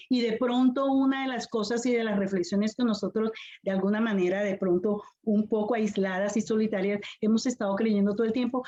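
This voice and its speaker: A woman with a Colombian Caribbean Spanish accent giving a semi-formal academic presentation as an educator, in a halting, explanatory way. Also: on the high side, dark tone. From Colombian Caribbean islands. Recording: dull lo-fi audio.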